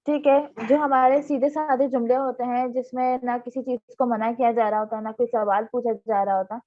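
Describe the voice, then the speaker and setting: A woman teacher giving a grammar lesson, explaining step by step, checking in often and reading example sentences slowly. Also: a little high, steady tone, dull audio. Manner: reads English examples slowly and deliberately. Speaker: English teacher.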